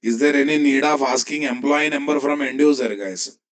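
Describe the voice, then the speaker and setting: Speaking at a moderate pace in a mid-range voice, this man runs a live coding class with a Telugu Indian English accent. He narrates his code as he types it, says phrases more than once, and keeps asking whether the students are following.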